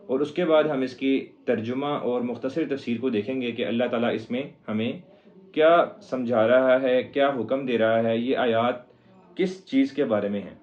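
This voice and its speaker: A man's voice: mid-range voice, a little mellow, dull audio. A man teaching Quran recitation in a recorded lesson, patiently explaining each step.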